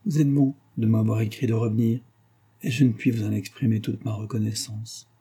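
Remorseful young wife pleading softly, read by a man with a very dark, husky tone. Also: on the low side, fairly even intonation, fairly quick.

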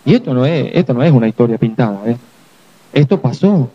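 A man's voice: medium pitch, animated, fairly quick, muffled recording. A man with a Rioplatense Spanish accent preaching a sermon as pastor, acting out the voices of people in the story.

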